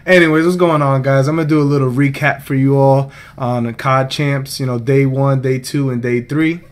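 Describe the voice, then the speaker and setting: A man's voice: mid-range voice, fairly even intonation, moderate pace. A young man hosting his own vlog, recapping a gaming tournament in a chatty, rambling, joking way. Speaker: esports player and vlog host.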